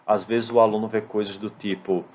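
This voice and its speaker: A Brazilian man with a Brazilian Portuguese accent, teaching an English lesson at a whiteboard and slowing down to spell out English examples. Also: lowish voice, little pitch movement, darkish tone. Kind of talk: classroom-style lesson at a whiteboard.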